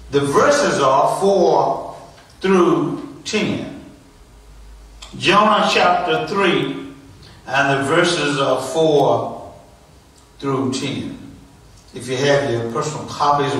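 Man preacher, slow, higher-pitched, rhythmic refrains, echoey church sound from a distance. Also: fairly bright tone. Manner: rhythmic call-and-response preaching, repeating refrains. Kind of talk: sermon. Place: church sanctuary.

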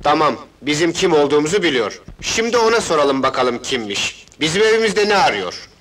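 Gruff, grumpy old dwarf. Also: male voice, on the high side, big pitch swings, brisk, a bit bright, recorded from a distance, slight background noise, poor audio. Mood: grumbling. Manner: gruff, grumbling. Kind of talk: film dubbing.

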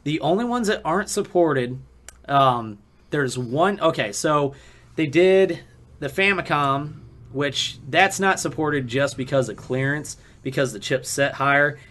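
A man's voice: on the high side, a little slow, a bit bright. A man co-hosting a podcast in casual chat, explaining technical gear at length with many fillers. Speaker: podcast co-host.

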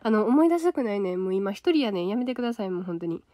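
A woman's voice: medium pitch, very animated, racing, dark tone, dry recording, studio quality. A young woman with a Kansai accent, hosting a solo livestream and chatting casually as she reacts to viewer comments aloud. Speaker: idol trainee livestream host.

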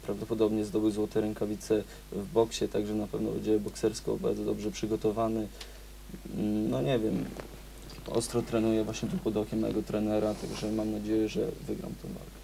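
Young fighter, quiet and flat, gravelly, stops a lot, little studio. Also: male voice, on the low side, slight background noise, rough recording. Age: young adult. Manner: quiet and halting. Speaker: kickboxer. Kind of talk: local TV interview. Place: small studio with curtains.

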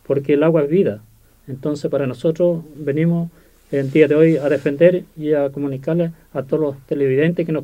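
A man's voice: fairly high pitch, dark tone. A man, a community representative, answering in a radio interview, earnest and repeating himself. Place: small radio studio. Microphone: studio table mic. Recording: dull lo-fi sound.

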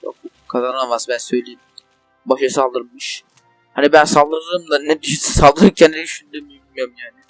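A man's voice: a little high, steady tone, moderate pace, fairly bright tone, faint music behind. A young man hosting a gaming channel, giving casual let's play commentary, rambling and swearing at the game in frustration. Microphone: desk microphone.

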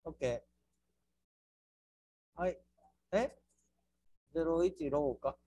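A man with a Kansai accent teaching an architecture class through a software task, playful, with sound words and mock squeals. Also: a little high, drawn-out words, a little hiss or hum. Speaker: architecture instructor.

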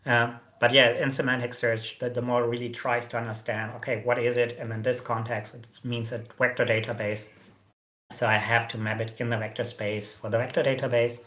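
A man's voice: mid-range voice, little pitch movement, fairly quick, pushed and bright. A man on a headset video call, explaining machine learning at a panel, with many "like" fillers. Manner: explanatory, many "like" fillers, quotes example phrases. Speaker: panelist from an AI company. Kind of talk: technical panel discussion over video call. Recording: dull roomy video-call audio.

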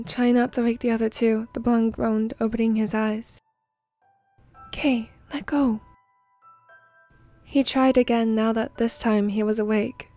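A woman reads a fan fiction story aloud in a soft, steady voice. Her pitch sits a little high but barely moves. The tone is mellow, over faint background music. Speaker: narrator.

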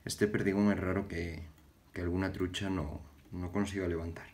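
Man, deep low voice, halting and repetitive, casual hands-on tutorial, indoors at a bench. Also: level tone, darkish tone. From Galicia, Spain. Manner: halting, repeats words while working with his hands. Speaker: fly-tying channel host. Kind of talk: casual fly-tying tutorial.

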